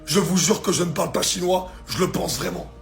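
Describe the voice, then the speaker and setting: A hoarse man, his voice worn out from shouting, reacting to a football match in a grandiose, emphatic way. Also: on the high side, expressive, a little fast, faint music behind. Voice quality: gravelly, strained voice. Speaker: football content creator.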